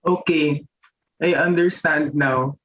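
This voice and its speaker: A man performs an improvised comedy scene on stage, speaking in conversational dialogue. His voice is on the high side and fairly bright, slow, with fairly even intonation. The stage recording is muffled and slightly noisy.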